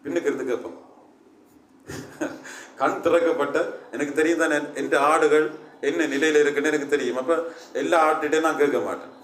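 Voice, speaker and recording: A man's voice: a little high, fairly even intonation, quick pace, fairly bright tone, roomy sound, far from the mic, slight background noise. A man preaching a sermon as pastor, with emphatic, repetitive calls that rise in force.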